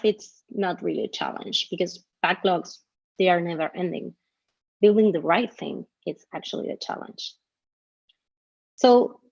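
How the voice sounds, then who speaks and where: A woman's voice: lowish voice, darkish tone, dry recording. Woman, friendly explanatory presentation, dry close sound, muffled call audio. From Argentina. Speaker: guest speaker, product manager. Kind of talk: online presentation talk. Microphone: video call.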